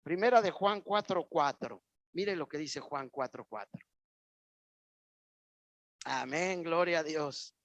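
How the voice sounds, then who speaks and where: A man with a Mexican accent preaches a sermon to his congregation, his voice sitting high for a man. He is emphatic and repeats himself, often turning to address the listeners directly. The sound is dry and close, with little room echo. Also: slow pace, long pauses, fairly bright tone. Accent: Mexican Spanish. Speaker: pastor. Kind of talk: sermon with personal testimony. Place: church.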